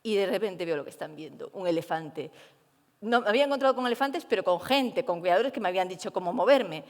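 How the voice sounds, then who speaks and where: Young woman, mid-pitch, lively storyteller who acts out her thoughts, with a long hall reverb. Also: quick pace. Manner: animated, acts out her own inner thoughts. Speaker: primatologist guest. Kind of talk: storytelling in an interview.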